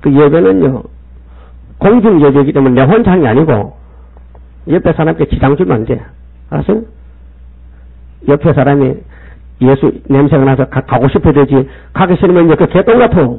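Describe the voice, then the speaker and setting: Gravelly pastor scolding his flock. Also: fairly high pitch, lively intonation, a little fast, pauses often. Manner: scolding, rhetorical questions to the congregation. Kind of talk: sermon. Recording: tinny phone-like sound.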